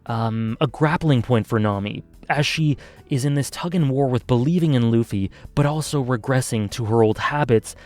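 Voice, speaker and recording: A man's voice: mid-range voice, normal speed, a little mellow. A man casually reviewing an anime arc, thinking aloud with many fillers and self-corrections.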